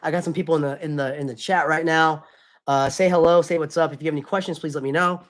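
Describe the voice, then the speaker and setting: A man's voice: on the high side, fairly even intonation, fast. A young man streamer chatting casually with his live chat, loose and slangy, often apologizing.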